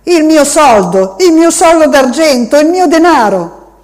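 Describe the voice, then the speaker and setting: A small peasant boy in a storybook reading, his voice pushed high and loud as he begs and then demands, turning insistent and almost threatening, as a reader puts him on. The cries come out strained and urgent. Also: lively intonation, slow pace, heavily acted. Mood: pleading.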